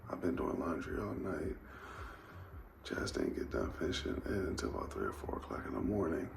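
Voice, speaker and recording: A man vlogging in a soft whisper indoors early in the morning, tired from little sleep. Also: rumbling low, very animated, brisk, creaky, slight background noise. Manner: whispering softly. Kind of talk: casual vlog chat.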